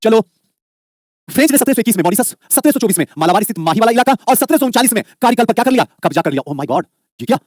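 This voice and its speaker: Fast lively history teacher, man. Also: high-pitched, dry recording, studio quality. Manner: fast, lively, repeats questions and answers them himself; coaxing, calls students "babu". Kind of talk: live online exam-prep lecture.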